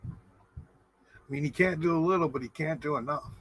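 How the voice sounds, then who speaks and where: A man's voice: fairly high pitch, a little fast, fairly bright tone, poor audio. Laid-back, rambling middle-aged stoner man. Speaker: livestream host. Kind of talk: casual chat with livestream viewers.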